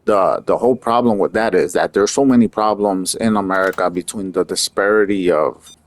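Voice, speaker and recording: Speaking at normal speed in a low-pitched voice, a male vlogger from Puerto Rico delivers an earnest, opinionated monologue. His style is casual and rambling, full of loose asides, and the recording is dry.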